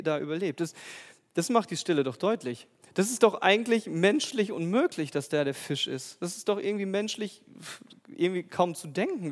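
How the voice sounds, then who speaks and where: A man preaching a sermon, lively and emphatic, often asking his listeners questions. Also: a little high, long reverb tail.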